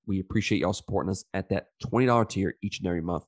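Male podcast host, blocked-sinus nasal tone like a pinched nose, lowish, dry sound, casual and sweary. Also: very fast, dry recording. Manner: casual, profane, slangy. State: stuffed up with a sinus infection. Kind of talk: casual movie review podcast chat.

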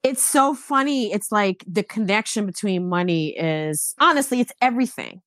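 A woman host chats with a guest, affirming him and reflecting on what he says. Her voice sits at a medium pitch, recorded close and dry. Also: animated, normal speed, a bit bright, no echo. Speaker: podcast host. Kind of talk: conversational interview.

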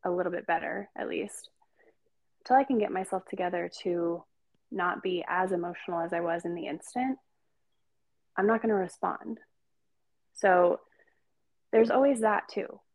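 A woman's voice: fairly low pitch, moderate pace, gravelly, long pauses, a little mellow, no room sound. A woman co-hosting a podcast about hair styling, speaking casually and encouragingly about handling clients. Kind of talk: casual chat.

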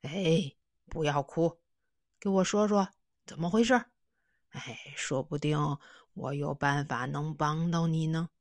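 A woman voicing a gentle, reassuring thin old man in a children's story. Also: low voice, slow pace, gravelly, slightly rough, dry recording, studio quality, exaggerated voice. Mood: kindly. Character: kindly thin old man in a tall hat.

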